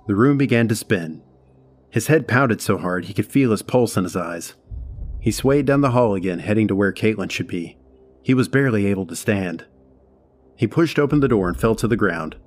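A man giving a measured, dramatic scripted horror narration. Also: fairly low pitch, lively intonation.

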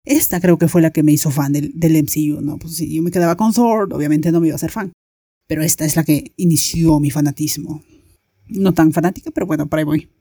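A young woman with a Latin American Spanish accent tells a story in a chatty, animated way. She acts out her friends' lines as she goes. Her voice is low-set and mellow, recorded close and dry. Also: fairly quick, breathy edge, no room sound. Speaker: podcast host. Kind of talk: casual storytelling monologue.

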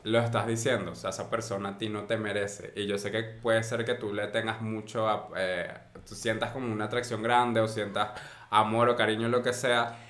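A young man co-hosting a casual advice podcast, talking in a relaxed, rambling way full of filler phrases. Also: lowish voice, moderate pace. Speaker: podcast co-host. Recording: echoey room.

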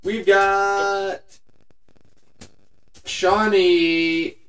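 Young man, slow and wisecracking. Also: high voice, steady tone, fairly bright tone, far from the mic. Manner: joking, wisecracking. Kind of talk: casual chat, picking game scores. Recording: echoey room, voice off-mic.

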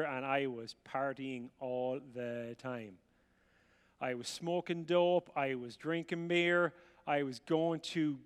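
Speaking in a fairly high, smooth voice, a middle-aged man from Ireland's rural midlands recounts his life to a live crowd. He's chatty and self-deprecating, acting out bits of dialogue, with the sound echoing through a hall.

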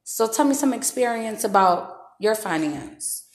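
A woman's voice: fairly high pitch, animated, a little slow, echoey room. Slangy woman host in her thirties. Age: 30s. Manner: candid, slangy, laughs often. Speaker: podcast host. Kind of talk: casual chat.

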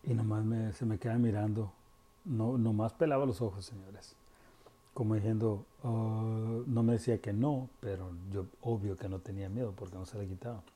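Un hombre con acento mexicano que divaga en un monólogo casual hacia sus espectadores, se corrige a menudo y mete palabras en inglés. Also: male voice, on the low side, fairly even intonation, normal speed, dark tone. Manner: rambling, restarts often, switches into English words. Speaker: video commenter addressing viewers. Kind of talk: casual personal monologue.

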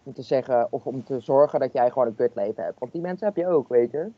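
A man's voice: medium pitch, expressive, fast, no echo, muffled recording. A man co-hosting a casual podcast, giving blunt, colloquial advice.

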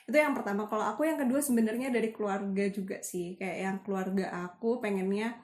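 A woman's voice: medium pitch, fast talker, darkish tone. A woman, co-hosting a casual podcast chat and laughing often. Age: 20s. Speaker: podcast co-host. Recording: echoey room.

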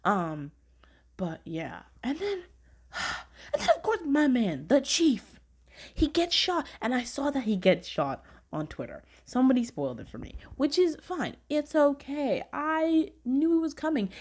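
A young woman hosting a casual weekly review podcast, animated and sweary, swinging from low mumbles to high squeals. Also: slightly rough. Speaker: podcast host reviewing shows.

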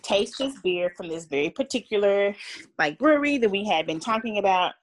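A woman's voice: medium pitch, lively intonation, fairly quick. A woman co-hosting a podcast in casual chat, slangy and laughing often. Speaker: podcast co-host.

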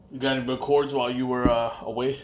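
A man chats loosely with a friend, meandering through his thoughts with pauses and offhand swearing. His voice sits at an ordinary middle pitch, with a faint hum behind it. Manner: rambling and profane, with frequent pauses. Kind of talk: casual chat.

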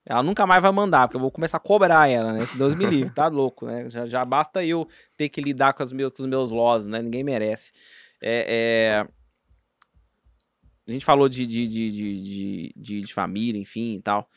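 A man's voice: mid-range voice, moderate pace, fairly bright tone, dry recording, clean studio sound. A man with a Brazilian accent hosting a casual podcast chat, talking in a rambling, slangy way with many restarts. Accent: Brazilian Portuguese.

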